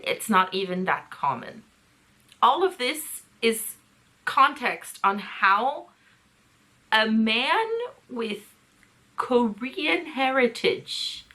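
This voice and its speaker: A woman hosts a casual breakdown of a novel, her commentary dry and sarcastic. She sounds exasperated with the book, in a relaxed chatty delivery at a mid pitch. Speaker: host.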